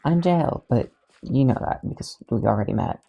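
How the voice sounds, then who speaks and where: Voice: mid-range voice, expressive, moderate pace, vocal fry, mellow, husky, muffled recording, exaggerated voice. A podfic reader voicing Green Lantern, a cocky young man who wisecracks flippantly. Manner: flippant, joking. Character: cocky wisecracking young male space cop.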